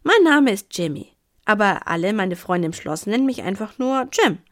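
A woman's voice: mid-range voice, sing-song, normal speed, natural voice. A woman voicing a friendly snow penguin. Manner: warm, welcoming.

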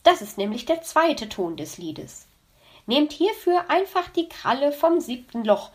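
A woman's voice: high voice, big pitch swings, unhurried, darkish tone, voice pushed up. Kitty, a woman as a cheerful teasing elf. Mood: instructive. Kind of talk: audiobook reading.

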